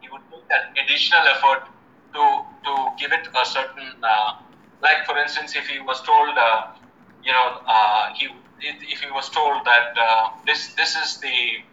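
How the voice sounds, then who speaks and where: A man from India gives interview answers at a measured pace, pausing to check in with his listener. His voice is bright and tense. The recording is echoey and a bit muffled. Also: medium pitch. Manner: measured, often checks in with "okay?" and "right?". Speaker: guest. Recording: roomy, slightly dull lo-fi sound.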